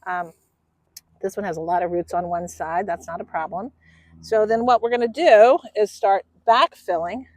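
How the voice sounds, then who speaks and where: A woman hosting a gardening video outdoors, explaining her planting in a relaxed, chatty way. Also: mid-range voice, normal speed, no room sound. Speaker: gardening channel host. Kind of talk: casual how-to gardening talk. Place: outdoors in a garden bed in a grassy field.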